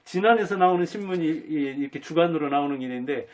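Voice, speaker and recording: A man's voice: on the high side, fast talker. A man in his fifties or sixties from North Jeolla, hosting his own channel and talking through his thoughts in an earnest, folksy way. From Jinan, North Jeolla, Korea. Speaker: YouTube channel host. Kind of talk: solo reflective monologue.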